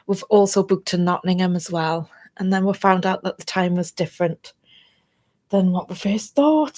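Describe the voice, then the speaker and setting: A vlogger from North East England talks casually to camera, her voice lowish and darkish, her throat slightly froggy and chesty. She's chatty and meandering, drifting from one topic to the next.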